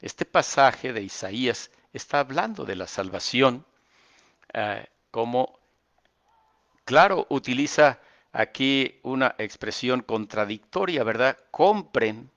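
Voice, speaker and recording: Slow-speaking man teaching Bible. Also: mid-range voice, expressive, a bit bright, highs cut off. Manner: unhurried, reads verses slowly with emphasis, adds casual fillers. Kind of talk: Bible lesson, reading and explaining scripture.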